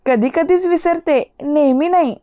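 A woman's voice: high voice, measured pace, mellow, pitched above the performer's own voice. A woman voicing a shy young woman who scares easily, speaking in a pleading, girlish way in an audiobook story. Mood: plaintive. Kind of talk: audiobook character reading.

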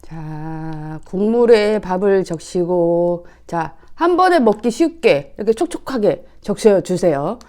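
A woman's voice: fairly low pitch, animated, slow, mellow. A woman hosting an eating show, chatting casually to viewers with playful, self-teasing asides. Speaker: mukbang host.

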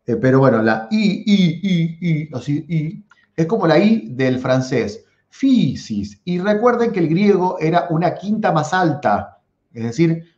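Argentine guy lecturing on philosophy, pitch jumps all over, echoey room, kinda dull audio. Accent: Rioplatense Spanish. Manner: animated, drawn-out emphatic stresses, frequent "¿sí?" and "¿tá?" check-ins. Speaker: philosophy teacher. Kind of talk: online lecture.

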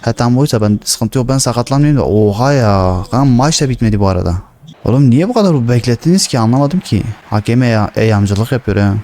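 A young man commenting on his own football video game, swearing and shouting at the players. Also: mid-range voice, lively intonation, brisk. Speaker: gaming streamer.

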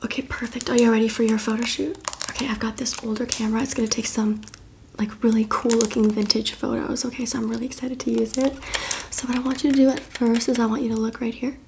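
A woman in her twenties doing a fast ASMR ASMR role-play as an encouraging beauty and photo professional, repeating short phrases up close. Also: on the high side, flat delivery, noisy background, natural voice. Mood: upbeat, encouraging. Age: 20s. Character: brisk, encouraging female makeup artist, photographer and spa worker. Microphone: close, facing the camera.

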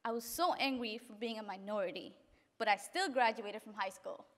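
High-voiced young woman reading a speech. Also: fairly bright tone. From Africa. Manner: earnest, reading from notes, halting restarts. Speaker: graduate giving a speech. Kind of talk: reading a prepared graduation speech. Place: event hall, indoors. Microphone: podium microphone. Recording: reverberant hall.

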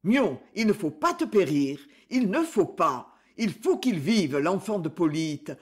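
Man reading as a soft-spoken big brother, gentle and consoling, unhurried. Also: sits high, very animated. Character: gentle elder brother, kind rural man.

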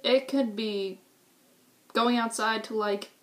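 A woman's voice: on the high side, fairly even intonation, takes it slowly, a bit bright. A young woman from New England with a thick New Hampshire accent, chatting through a goofy list for her vlog, full of "like" and "um". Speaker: YouTube vlogger.

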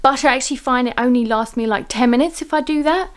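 A woman's voice: sits high, fast. A woman in her thirties chatting casually to a handheld camera in her living room, rambling with lots of fillers. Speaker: home vlogger. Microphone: handheld camera at arm's length.

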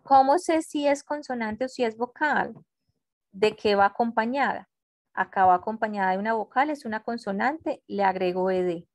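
A woman teaching an English grammar class online, explaining rules slowly and patiently and checking that students follow. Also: fairly high pitch, dry recording. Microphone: computer mic on a video call.

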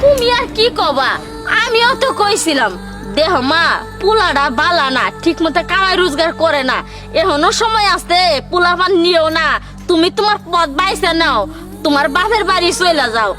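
A woman's voice: very high voice, expressive, moderate pace, over music. A woman playing a scolding village gossip. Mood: reproachful. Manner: reproachful, I-told-you-so. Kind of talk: melodramatic short-drama acting.

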